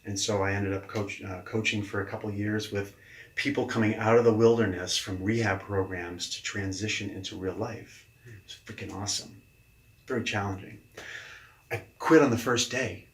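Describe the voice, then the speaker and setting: Male guest coach, forties, low-ish voice, lively and casually profane, recorded in a roomy space. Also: normal speed. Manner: animated, mildly profane storyteller. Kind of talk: casual storytelling in conversation. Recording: echoey room.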